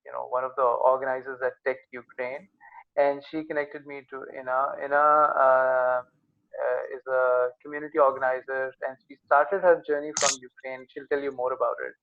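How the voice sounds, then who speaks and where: A man's voice: mid-range voice, little pitch movement, normal speed. A man from Pakistan hosts an online talk over a video call. His speech is loose and casual, and he often says "you know". The sound is thin and narrow, like a phone line. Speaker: host.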